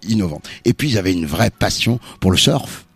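A man hosting a radio music show, explaining music history in an unhurried, knowledgeable way. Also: deep voice, lively intonation, vocal fry, husky. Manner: explanatory, knowledgeable, drawn-out phrasing. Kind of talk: casual on-air music chat.

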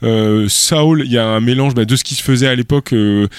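A man hosting a music radio show in casual chat, relaxed and hesitant, with many fillers. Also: medium pitch, fairly quick, clean tone, dry recording. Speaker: radio host.

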